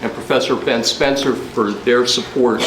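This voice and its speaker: Male organizer, opening remarks, earnest delivery with many pauses, echoey lecture hall. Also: mid-range voice, steady tone, noisy background. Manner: earnest, frequent filler pauses. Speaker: conference organizer. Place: law school lecture hall. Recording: roomy hall with faint ambience.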